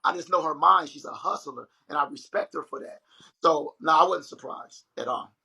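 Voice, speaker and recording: A young man's slightly high, gravelly, somewhat rough voice moves at a moderate pace as he hosts a laid-back livestream. Addressing viewers as y'all, he spins animated stories straight to them over a rough recording.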